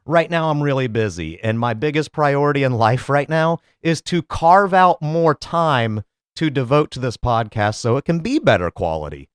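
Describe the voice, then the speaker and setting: A man's voice: medium pitch, big pitch swings, moderate pace, smooth, no room sound, clean studio sound. A man hosting a solo podcast, talking in a sarcastic, profane, rambling way. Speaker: podcast host. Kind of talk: casual solo podcast commentary.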